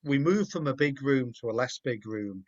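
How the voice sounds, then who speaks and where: A man's voice: medium pitch, animated, moderate pace, a little mellow. Host, man, rambling and encouraging, muffled video-call audio. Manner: rambling, encouraging, repeats words. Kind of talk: casual chat.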